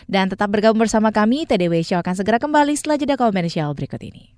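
A woman's voice: medium pitch, lively intonation, very fast, a little mellow, no room sound, studio quality. A woman hosting a talk show in a conversational style, recapping and acknowledging what is said. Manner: frequent short acknowledgements, recaps guest's points.

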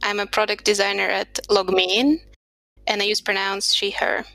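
A Russian woman who works as a product designer appears as a podcast guest, reflecting on her career in casual interview chat with light laughs, recorded at a home desk surrounded by books. Her medium-pitched voice is creaky, pushed and bright, with little pitch movement and a moderate pace. The recording has no echo but is rough.

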